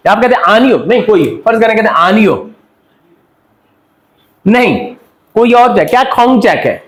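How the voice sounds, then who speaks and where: A man with a high voice teaches a Korean language lesson, constantly asking the class questions and supplying the answers. The recording carries a roomy echo from the classroom. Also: sing-song, moderate pace. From Pakistan. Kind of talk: classroom lecture.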